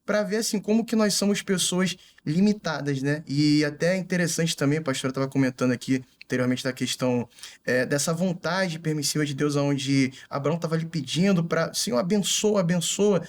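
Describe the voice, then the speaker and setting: A man's voice: a little high, brisk. A Brazilian man co-hosting a Bible study podcast, talking in an exhorting, preacherly way. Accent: Brazilian Portuguese. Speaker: podcast co-host.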